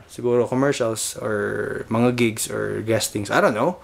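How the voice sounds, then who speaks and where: A man's voice: mid-range voice, measured pace, gravelly. A man with a Filipino accent hosting a casual, bantering chat in a teasing, blunt manner, switching between languages.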